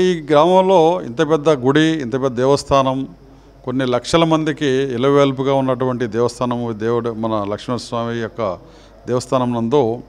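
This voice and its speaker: A middle-aged man, a temple trust chairman, answering a reporter's questions in a formal, measured way with halting phrases. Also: medium pitch, clear, resonant tone.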